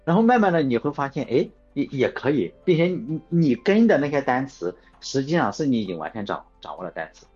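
Husky, lively-voiced man chatting. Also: medium pitch, fast talker, hardly any pauses. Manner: rambling, anecdotal, self-correcting. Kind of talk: casual chat. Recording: dull lo-fi sound with faint music.

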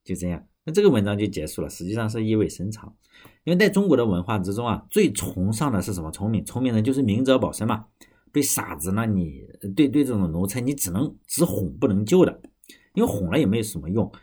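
Husky-voiced man reading aloud casually. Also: fairly low pitch, very animated, fast, dark tone. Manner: rambling, self-correcting, plain-spoken. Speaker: podcast host.

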